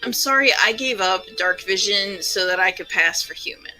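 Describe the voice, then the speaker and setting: Bright-voiced woman player. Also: mid-range voice, moderate pace, rough recording. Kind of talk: casual tabletop game chat.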